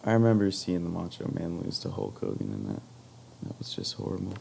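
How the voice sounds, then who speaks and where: Gravelly Southern young man, hesitant. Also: low voice, sing-song, fairly quick, a little mellow. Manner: hesitant, repeats words, says "like" often. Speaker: podcast co-host. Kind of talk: casual comedic podcast chat.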